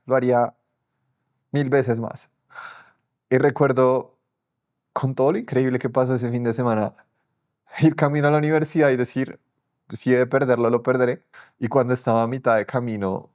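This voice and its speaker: Young man, mid-pitched voice, earnest faith testimony told as a personal story. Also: a little mellow. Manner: earnest storytelling, often quoting himself. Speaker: testimony speaker.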